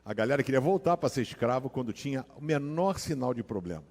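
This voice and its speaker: A Brazilian man preaching a sermon as a pastor, telling stories in a slangy, animated way that swings from hushed asides to loud dramatic bursts. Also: medium pitch, fast. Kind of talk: sermon with personal storytelling. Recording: long hall reverb.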